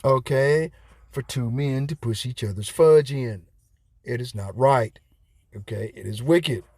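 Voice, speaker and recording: A man's voice: mid-range voice, measured pace, a little mellow, slightly rough, no echo, clean studio sound. A man preaching from scripture in a home video, rambling with profane asides. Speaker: self-styled preacher. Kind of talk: home video Bible teaching.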